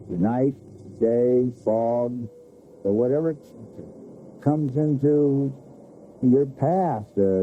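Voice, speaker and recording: Slow-talking old tugboat captain. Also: male voice, mid-range voice, a little hiss or hum. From San Francisco Bay Area. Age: older. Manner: slow, unhurried recollection. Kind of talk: interview. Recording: tinny VHS broadcast with music.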